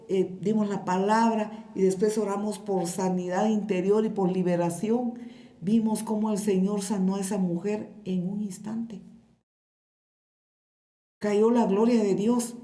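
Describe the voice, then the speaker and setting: A woman's voice: medium pitch, warm tone, roomy sound. A woman pastor with a Guatemalan Spanish accent, telling stories in a sermon and speaking straight to the congregation. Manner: storytelling, addresses the congregation directly. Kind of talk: sermon with testimony.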